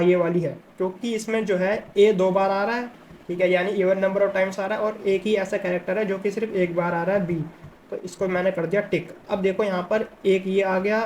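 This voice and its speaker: A man's voice: high-pitched, slight background noise, rough recording. A man teaching a coding lesson, working through examples step by step and often checking in with the listener. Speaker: coding tutor.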